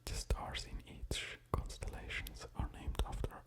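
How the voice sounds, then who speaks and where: A man doing whispered ASMR in a soft unvoiced whisper, close to an ear-to-ear microphone, musing in a hesitant way. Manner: slow, hesitant delivery with musing asides. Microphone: close-up stereo ear-to-ear microphone.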